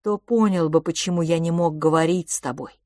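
A woman's voice: low-pitched, a little fast, darkish tone, dry recording, studio quality, lightly acted. A woman voicing Philipp, a frail and sickly boy who speaks bitterly and wearily, with sighs. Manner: bitter, sighing, subdued.

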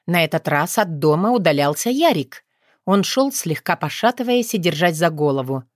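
A woman reading a novel aloud as audiobook narrator, measured and unhurried. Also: on the low side, animated, no room sound, clean studio sound. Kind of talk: scripted narration.

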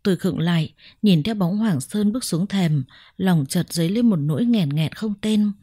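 A woman narrating a first-person story in a measured, reflective way. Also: medium pitch, animated, warm tone, slightly rough, no echo.

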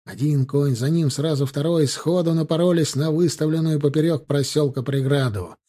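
A man reading a historical novel aloud in an even storytelling delivery. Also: fairly high pitch, moderate pace. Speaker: audiobook narrator. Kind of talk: scripted narration.

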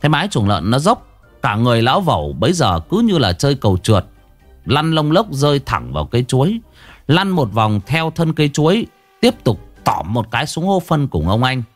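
Lively male storyteller. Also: mid-range voice, brisk, faint music behind. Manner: vivid, comic storytelling. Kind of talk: scripted story narration.

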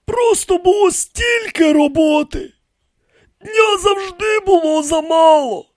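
An audiobook character voice for a frail high priest, seven thousand years old, who wails pleadingly in a shrill, quavering tone forced far above the male range. He stretches each word slowly and half-shouts, recorded close and dry.

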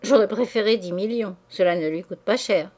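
A woman reading the part of an ambitious young man who speaks softly and coaxingly, with a cool edge. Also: mid-range voice, normal speed, close to an everyday voice. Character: smooth-talking ambitious young man, cold.

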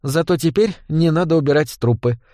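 Cheeky young nun a man putting her on, offhand, a bit higher. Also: brisk, dark tone, no echo, clean studio sound, lightly acted. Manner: offhand, foul-mouthed. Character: carefree young female nun, crude and cheeky.

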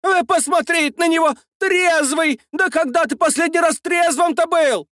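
A man's voice: extremely high pitch, normal speed, fairly bright tone, no echo, studio quality, pitched above the performer's own voice. A man voicing a brawling middle-aged village woman who scolds shrilly and theatrically. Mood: scolding.

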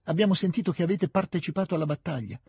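An anxious older countess and mother, voiced by a male reader in a spoken novel reading, asking worried, pressing questions. The voice is very husky and the sound dry and close. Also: on the high side, expressive, very fast, a little mellow, no echo, voice pushed up, heavily acted.

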